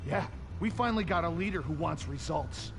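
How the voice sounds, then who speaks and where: A fanatical crooked cop in a game, high-pitched and gravelly. He barks with hostility and animated swings, over street noise. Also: a little fast. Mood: hostile. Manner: barking, hostile. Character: aggressive, fanatically loyal crooked police officer. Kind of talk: video game dramatic acting.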